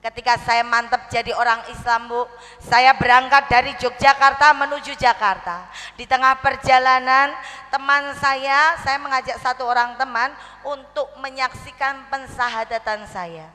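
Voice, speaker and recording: A woman's voice: high-pitched, steady tone, normal speed, sharp tone. A woman with a Javanese accent, preaching to a women's gathering in a humorous, chatty way and slipping into Javanese. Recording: long hall reverb.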